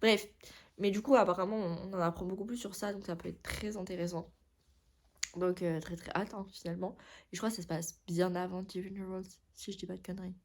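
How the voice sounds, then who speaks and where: A woman's voice: fairly low pitch, fairly even intonation, brisk, darkish tone, a little hiss or hum. A young woman talking casually about books in a vlog, rambling, chatty and often correcting herself. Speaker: book vlogger. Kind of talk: casual chat.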